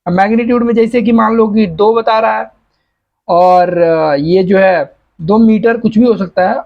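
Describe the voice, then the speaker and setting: A man's voice: high-pitched, a little slow, gravelly, dull audio. A man teaching a physics lecture for exam prep, explaining step by step with everyday examples and often checking that students follow. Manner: uses plain everyday examples.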